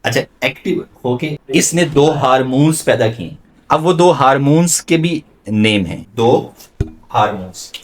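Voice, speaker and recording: A man's voice: medium pitch, animated, a little hiss or hum. Man lecturing, quizzing his audience. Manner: quizzes the audience with questions and mixes in English terms. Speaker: religious scholar lecturing students. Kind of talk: classroom lecture.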